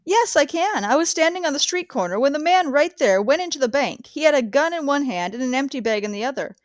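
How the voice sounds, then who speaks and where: A woman's voice: high-pitched, animated, a little fast, dry recording, studio quality, voice pushed up. A woman reading the part of a female witness giving eager testimony in court.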